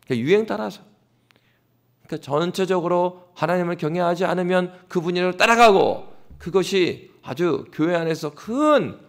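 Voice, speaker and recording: Animated gravelly Korean preacher man. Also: high-pitched. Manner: animated preaching, acts out scoffing voices. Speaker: pastor. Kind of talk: sermon. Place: church sanctuary.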